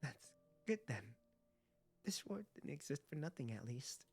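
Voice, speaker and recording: An actress playing a fragile, gentle, dying female sea creature in a video game, with a breathy, wavering voice. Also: low-pitched, very animated, measured pace, soft background music, heavily acted. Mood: wistful, tender.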